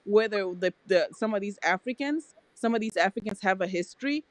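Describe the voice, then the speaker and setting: A woman's voice: medium pitch, animated, no room sound. Woman in a casual discussion, dry sound. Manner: halting, repetitive phrasing.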